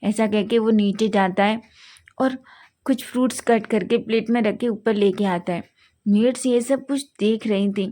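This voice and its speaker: A woman's voice: mid-range voice, mellow. A woman narrating a fanfiction love story, often stumbling and correcting herself mid-sentence. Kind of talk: storytelling reading.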